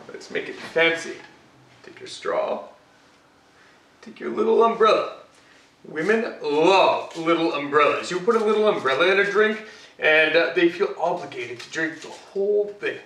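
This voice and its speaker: A man's voice: on the high side, pushed and bright, slight background noise. A young man playing Batman as a boastful cooking show host, rambling with fillers in a home kitchen, picked up by a far camera. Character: Batman, grown male hero, cocky and boastful. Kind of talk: comic cooking demonstration. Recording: echoey kitchen, mic far off.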